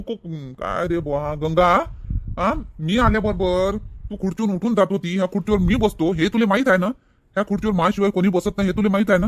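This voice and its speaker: A man's voice: high-pitched, lightly acted. A man playing a worried old village grandfather who fusses and asks question after question. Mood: coaxing. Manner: fussing, questioning, easily alarmed. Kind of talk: village comedy sketch acting.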